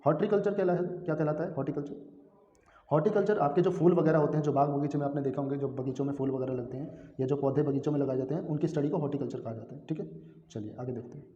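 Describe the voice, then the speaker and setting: A man's voice: fairly high pitch, dark tone. A male teacher giving an exam-prep lecture, who keeps asking questions and answering them himself and checks in often with his students. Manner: frequent "theek hai" check-ins. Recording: echoey room, dull lo-fi sound.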